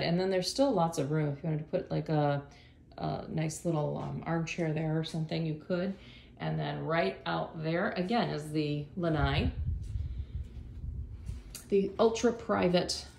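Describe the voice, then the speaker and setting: Holding her phone camera as she walks through an empty condo, a Florida realtor gives a casual, upbeat tour with plenty of fillers. She has a low voice with vocal fry and a slightly mellow quality, and the recording picks up echo from the empty rooms plus background noise.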